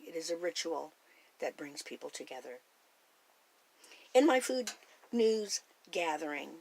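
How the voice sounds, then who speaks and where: An older woman with a gentle, earnest and hopeful way of talking, giving a reflective personal monologue. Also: lowish voice, a little hiss or hum, rough recording. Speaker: food blogger and podcaster.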